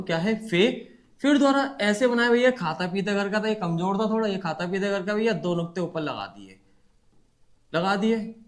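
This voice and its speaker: A male teacher leads an online lesson in a high, animated voice, his pitch swinging widely. He repeats each point and quizzes the class to answer back, talking casually like an older brother. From India. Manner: repetitive call-and-response teaching; colloquial, addresses class as brother.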